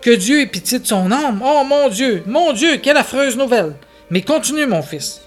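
A man's voice: very high voice, expressive, normal speed, soft background music, voice pushed up. A man reading the part of a pious village priest crying out in grief in an audio story. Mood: anguished. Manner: anguished exclamations.

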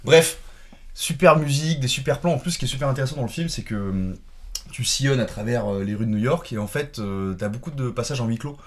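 A man chats casually about movies with friends. His voice sits at an ordinary middle pitch. He rambles, restarts and fills pauses as he goes. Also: lively intonation. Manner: rambling, many fillers and restarts. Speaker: podcast co-host. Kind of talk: casual film chat.

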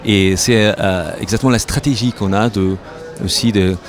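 A non-native French-speaking man with a foreign accent answers interview questions as a company representative, haltingly, repeating words as he searches for phrasing. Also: fairly low pitch. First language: not French. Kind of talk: interview answers at a trade show. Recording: busy trade-show crowd behind. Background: crowd chatter of a trade fair.

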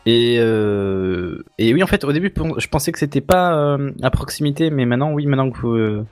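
A man's voice: medium pitch, animated, brisk, darkish tone, faint music behind. A man co-hosting a casual tech podcast, giving his view tentatively and thinking aloud with restarts. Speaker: podcast co-host.

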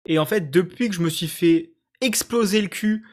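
A man hosting a casual video game chat, relaxed and joking, with hesitant restarts. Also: sits high, moderate pace. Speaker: podcast host.

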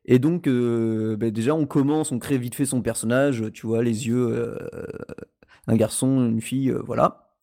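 A man's voice: medium pitch, steady tone, moderate pace, warm tone. Casual man rambling about a game. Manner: rambling, lots of hesitations and restarts. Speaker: podcast host reviewing a video game. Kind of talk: casual chat.

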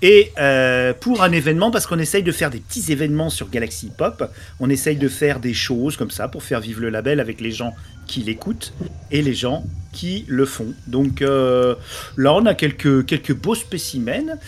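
A man's voice: mid-range voice, expressive, normal speed. A man hosting a live podcast event over a voice call, jokey and self-mocking. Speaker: podcast host and jury president. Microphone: voice call over Discord.

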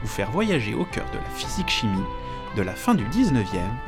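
A man hosting a podcast, reading a comic diary in a deadpan, absurd storytelling manner over background music. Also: lowish voice, brisk. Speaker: podcast host. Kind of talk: comedic scripted narration as a diary.

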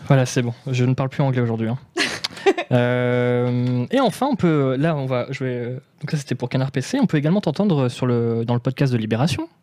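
A man from France hosting a casual chat show, joking and making nervous quick asides. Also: mid-range voice, warm tone, no room sound. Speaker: host.

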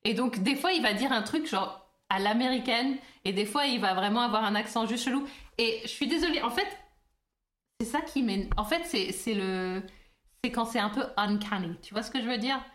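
A woman talks casually on a podcast, her voice sitting a little high. She rambles, with many hesitations and restarts. The room around her rings with a noticeable echo. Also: moderate pace, fairly bright tone. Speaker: podcast co-host. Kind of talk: casual chat. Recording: roomy echo.

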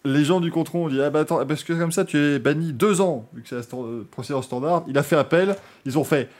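A man's voice: on the high side, fast, a little mellow. A man hosting a motorsport podcast, chatting casually and joking, rambling with frequent restarts. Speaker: podcast host.

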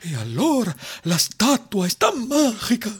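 A man with a put-on Spanish accent voicing a grand guerrilla leader who tells his tale in a slow, theatrical way. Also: extremely high pitch, wildly swooping pitch, breathy edge, heavily acted. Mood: mysterious.

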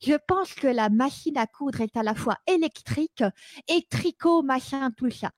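Woman acting female love adviser, braces-slurred speech, higher voice, pompous, drawn-out delivery, improv comedy, close dry sound. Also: lively intonation, no echo. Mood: grandly assured. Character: woman love adviser, grandly confident, absurdly wise.

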